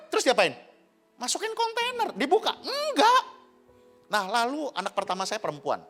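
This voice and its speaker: A middle-aged man, preaching a sermon as a pastor and telling a funny confessional story to the congregation. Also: sits high. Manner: animated, joking, confessional asides to the congregation. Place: church service.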